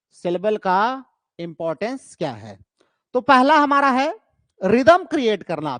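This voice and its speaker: Indian guy teaching literature, really high voice, asks and answers himself, dead dry sound. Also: no room sound. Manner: explains step by step, asks and answers his own questions; slows down to read English terms. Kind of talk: exam-prep lecture.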